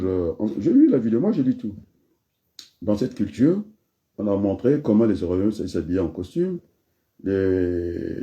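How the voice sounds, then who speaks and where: A man's voice: low voice, dark tone, highs cut off. A man from the Republic of the Congo giving a freewheeling spoken address, rambling from one aside to the next with frequent restarts. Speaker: speaker.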